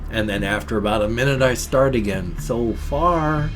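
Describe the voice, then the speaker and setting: With slightly slurred speech caused by loose dentures, an older man vlogs a relaxed personal monologue, often stopping to fix what he's said. His voice sits in the mid range, and there's a little hiss or hum in the recording.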